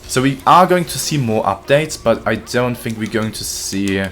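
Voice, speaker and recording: A man's voice: medium pitch, expressive, normal speed, a bit bright, slight background noise. A man casually commenting on his gameplay during a live stream, joking and chatting with his viewers. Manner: joking, chatty, reads chat aloud. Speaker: game streamer.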